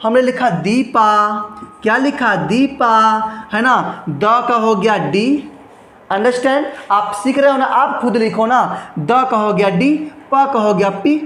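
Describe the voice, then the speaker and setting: Speaking at an extremely high pitch with a fairly bright tone, a male teacher explains English grammar in Hindi. He questions himself, often repeats "understand," and stretches out words to show how they sound, all in a roomy, echoing space.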